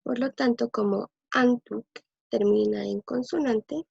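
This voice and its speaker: A woman speaks slowly and patiently as she teaches a language lesson, pausing to think aloud and repeating words for her listeners. Her voice is husky with a gravelly edge, a little high for a woman. The recording is dull, lo-fi and dry. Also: darkish tone, no room sound.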